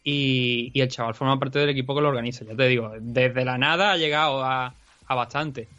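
A man's voice: medium pitch, steady tone, a little fast, bright, forceful tone, muffled recording. A man with an Andalusian accent, co-hosting a casual podcast chat and ranting in a heated, profane way. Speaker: podcast co-host.

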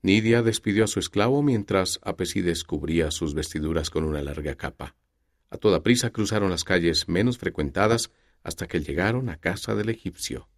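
A man narrating a historical novel as an audiobook, in measured storytelling. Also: low voice, no echo, studio quality. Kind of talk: scripted narration.

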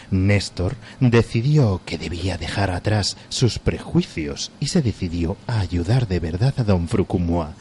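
Man playing old radio serial announcer, spooky comedy narration, low, unhurried, faint noise behind. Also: warm tone.

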